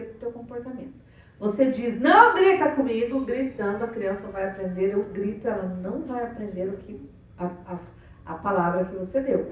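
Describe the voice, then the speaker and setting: A woman with a Brazilian Portuguese accent preaching on family life, animated and playful, acting out little dialogues. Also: a little high, slight background noise. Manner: animated, playful, acts out quotes. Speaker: church speaker on family life. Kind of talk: lively sermon talk with acted dialogue. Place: church hall. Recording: echoey hall, far from mic.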